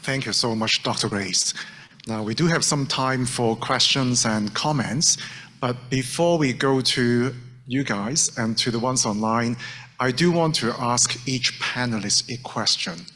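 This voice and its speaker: A man's voice: medium pitch, measured pace, bright, forceful tone. A man moderating a panel discussion, polite and brief as he passes the floor.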